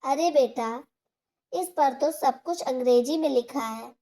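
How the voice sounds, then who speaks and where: A gentle, trusting old mother from a spoken storybook, read by a woman narrator. She pleads in a soft, high voice and takes her time over each phrase. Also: measured pace.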